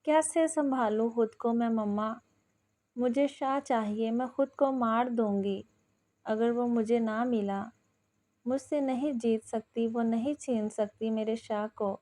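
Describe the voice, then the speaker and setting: Storybook reading: woman voicing a jealous young woman, desperate, wailing, slightly high. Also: mellow, lightly acted. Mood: hysterical.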